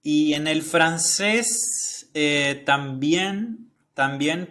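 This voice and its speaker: A man's voice: a little high, fairly bright tone. A man with an Argentine accent hosting a casual Spanish-learning podcast, speaking in a reflective, hesitant way with frequent filler sounds and reading passages aloud. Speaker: podcast host and Spanish teacher.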